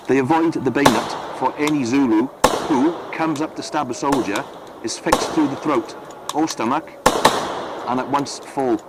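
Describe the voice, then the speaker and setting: A man, a living historian, retelling a battle in the first person as a soldier, in a measured, earnest way. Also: a little high, heavy background noise.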